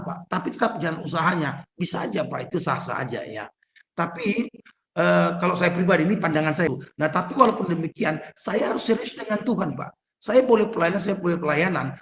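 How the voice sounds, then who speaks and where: A man's voice: high-pitched, fairly bright tone, roomy sound. A man preaching as a pastor to an online prayer group, conversational and folksy, turning to his listeners again and again. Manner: conversational, addresses listeners as "Pak" constantly. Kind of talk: sermon. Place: home, online prayer meeting. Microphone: video call.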